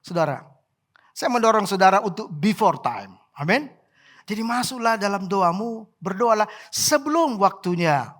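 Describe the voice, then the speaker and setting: A pastor preaching a sermon at a church service, swinging from soft, quiet remarks to loud exclamations and acting out prayers and cries. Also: mid-range voice, moderate pace. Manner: animated, acts out prayers and cries.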